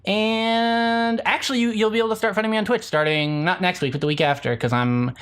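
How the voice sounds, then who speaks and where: A man's voice: fairly high pitch, quick pace, smooth. A man hosting a podcast in casual, joking banter, mock-indignant and repetitive, his speech slightly slurred from a sore mouth after dental work. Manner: mock-indignant, swearing, repeats phrases for effect. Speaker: podcast host.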